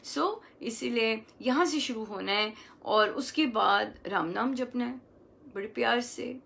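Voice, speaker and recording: Woman, spiritual teacher, devotional talk, unhurried, gravelly, fairly high voice, coaxing. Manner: gentle, coaxing, acts out loving self-talk; asks listeners "है ना?" often.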